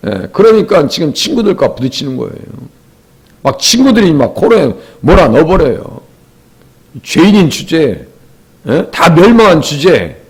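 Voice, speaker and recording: A man's voice: a little high, breathy edge. A middle-aged male pastor preaching a sermon and putting questions to the congregation. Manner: lively, asks the congregation questions, acts out quoted voices.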